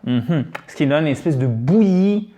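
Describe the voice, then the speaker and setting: Patient online English teacher, a native French speaker with a mid-range voice who models phrases slowly. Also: medium pitch, expressive, warm tone, lo-fi sound. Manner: explains patiently, checks with frequent "ok?". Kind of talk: online language lesson.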